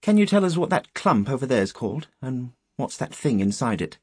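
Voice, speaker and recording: A man plays a well-bred schoolboy Scout in a storybook. He is courteous and full of questions. His voice is raised in pitch and recorded dry. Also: very animated, normal speed, a little mellow, slightly rough, no echo. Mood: polite. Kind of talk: storybook character voice.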